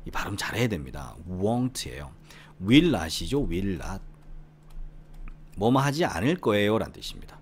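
A man's voice: lowish voice, sing-song, normal speed, pauses often, slight background noise. A middle-aged man from Korea's Gyeongsang region giving an English lecture, talking conversationally, checking in with the listener and repeating key words. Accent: Korean with Gyeongsang roots. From Gyeongsang region, South Korea. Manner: conversational, often seeking agreement with the listener; repeats key words and drops into a near whisper. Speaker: English academy teacher. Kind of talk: explanatory lecture.

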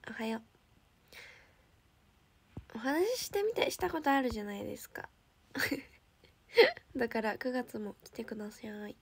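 Bubbly young woman idol chatting. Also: a little high. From Japan. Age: young adult. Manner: chatty and bubbly, often dropping to a soft whisper. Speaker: idol livestreamer. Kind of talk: casual livestream chat, reading viewer comments.

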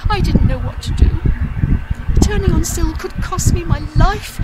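Frightened female servant for a fantasy game, stammering pleas, high and animated. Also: measured pace, heavy background noise. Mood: frightened pleading. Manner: pleading, panicky, stammering.

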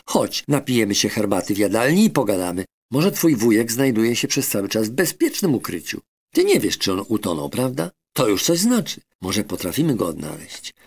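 A man doing a gentle soothing doctor. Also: on the low side, wildly swooping pitch, brisk, gravelly, breathy edge, exaggerated voice. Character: kind calm animal doctor, gentle and patient.

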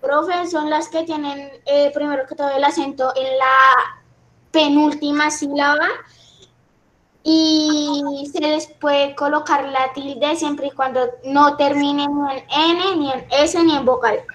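A student answering in class, eager and calling out to the teacher again and again. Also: female voice, high-pitched, steady tone, measured pace, low-quality recording. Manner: eager, calls out "profe" repeatedly.

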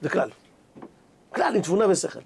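Over slight background noise, a man with a high voice teaches Torah as a rabbi. His Hebrew sermon includes a story in which he animatedly acts out the dialogue, playing both speakers.

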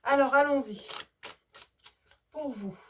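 Hoarse woman tarot reader, higher voice, a bit off-mic, halting casual delivery. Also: recorded from a distance, noisy background. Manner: hesitant, many fillers and restarts. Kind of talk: casual card-reading video.

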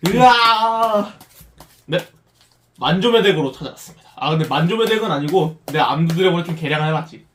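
A man's voice: on the high side, fast talker, recorded from a distance, slight background noise. A man hosting and playing a card duel, calling out his moves with the theatrical declarations of a duel hero. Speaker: card game channel host and player. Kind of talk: live card duel play with commentary.

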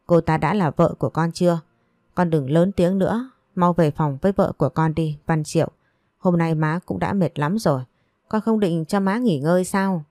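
A woman voicing a stern, scheming older mother in a romance story, speaking in a sharp, scolding way. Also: on the low side, normal speed, no room sound, clean studio sound, close to an everyday voice.

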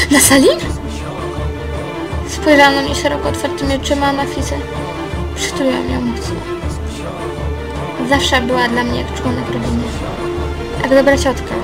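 Female storyteller reading her own fiction, a bit high, background music. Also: steady tone, a little fast, pauses often, poor audio. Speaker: fan fiction reader.

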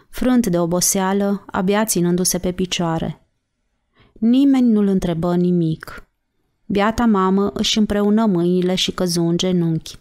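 A woman narrating an audiobook chapter in a slow, measured reading voice. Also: mid-range voice, a little mellow. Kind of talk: scripted narration.

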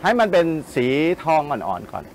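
A man's voice: fairly high pitch, wildly swooping pitch, normal speed, a little hiss or hum. A man working as a chef on a cooking show, giving practical, step-by-step instructions in a casual, sometimes teasing way.

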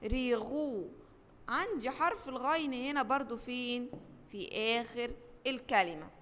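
A woman with an Egyptian accent leads a lesson for young children in a bright, high voice. She asks question after question, answers them herself and stretches out each example word slowly. The voice rings with a long reverb. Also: lively intonation, slight background noise. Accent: Egyptian Arabic. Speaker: primary school teacher. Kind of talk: recorded lesson for first graders.

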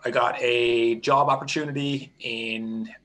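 In a small home room, an Irish man in his thirties who coaches strength and conditioning for golf speaks over a headset on a video call. His mid-range voice moves at a measured pace, steady and explanatory with frequent "kind of" fillers, though the recording is rough.

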